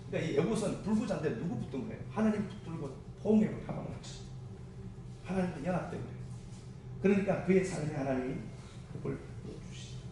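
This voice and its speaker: Animated Gyeongsang-accented pastor preaching. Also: male voice, a little high, background noise. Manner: animated, joking, direct to the congregation. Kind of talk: sermon. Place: church sanctuary. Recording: echoey church hall from far off.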